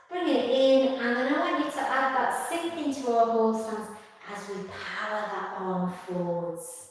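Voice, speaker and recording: A woman leading a tai chi class with serene, calm, encouraging cues and gentle guided exercise instruction. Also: on the high side. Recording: very echoey hall, distant from mic.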